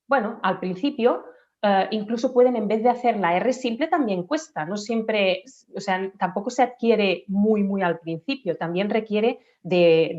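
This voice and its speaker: A woman's voice: medium pitch, a little mellow. A woman patiently explaining speech development in an interview, sometimes demonstrating sounds aloud. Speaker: speech therapist guest. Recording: dull lo-fi audio.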